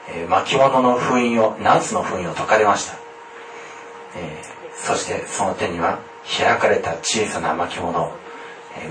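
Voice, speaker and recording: A man preaching a sermon in a formal, measured way, often pausing on hesitant fillers. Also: low-pitched, a bit bright. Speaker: pastor. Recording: echoey room, distant mic, faint noise.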